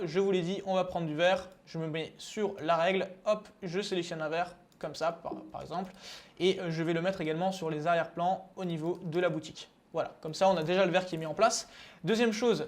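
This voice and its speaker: A man from France speaks quickly and with energy, in a voice that sits high for a man. He leads a screen-share tutorial and talks straight to his audience. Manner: energetic, direct, addresses viewers. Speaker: e-commerce YouTuber.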